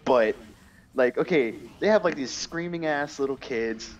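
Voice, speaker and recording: A young adult man with a mid-range, slightly slow voice chats casually during online gameplay, telling stories as he plays. He gripes and rambles, swearing plenty. The recording's highs are cut off.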